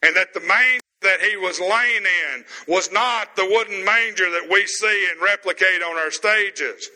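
A man preaching a sermon as pastor, stressing words slowly with pauses, in an empty room. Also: sits high, pushed and bright, long reverb tail, poor audio.

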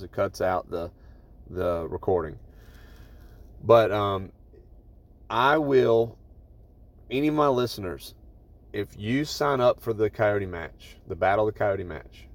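Host read: a lower-pitched guy, blunt and profane, rambling off the cuff, captured on a phone voice recorder app. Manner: blunt and profane, with frequent restarts. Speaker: podcast host. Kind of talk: casual rambling monologue. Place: inside his truck.

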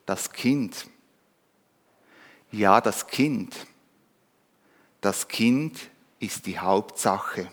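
A man's voice: mid-range voice, takes it slowly, hardly any pauses, a bit bright. A man voicing an ox who loves drinking and sleeping, in a reverberant hall. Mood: ashamed. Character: boozy sleepy ox.

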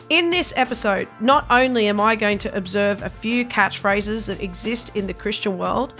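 A woman's voice: fairly high pitch, a bit bright. An Australian woman hosting a faith podcast, reading a scripted intro and then chatting eagerly with her guest. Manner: enthusiastic, earnest. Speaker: podcast host.

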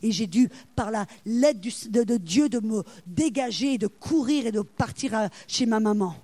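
A woman preacher voicing a distraught young woman who pours out her story in a quiet, tearful voice. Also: on the high side, normal speed, voice pushed down, close to an everyday voice.

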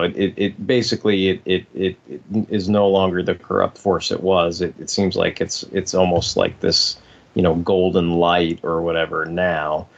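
A man's voice: low-pitched, gravelly. A man co-hosting a casual fan discussion, rambling and circling back to rephrase his points. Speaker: podcast co-host. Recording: slightly dull, lo-fi podcast audio.

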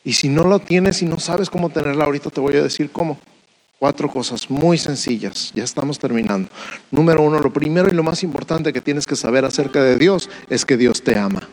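A man preaching as a pastor, speaking in earnest, repetitive and slowly emphasized phrases during a church service sermon. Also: fairly high pitch, darkish tone. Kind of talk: sermon with altar call prayer. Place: church service, streamed online.

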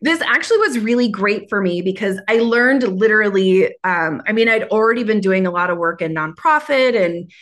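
A woman's voice: mid-range voice, brisk, hardly any pauses. Podcast guest: woman, Minnesota accent, chatty storyteller who laughs a lot. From Minnesota, USA. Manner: animated, laughs often, acts out her past self. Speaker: podcast guest, creative mentor. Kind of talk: casual interview chat.

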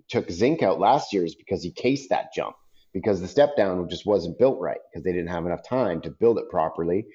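A man's voice: lowish voice, dark tone, muffled recording. A man judging an event, talking casually on a podcast, rambling with lots of "like" and "you know". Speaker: event judge, podcast guest.

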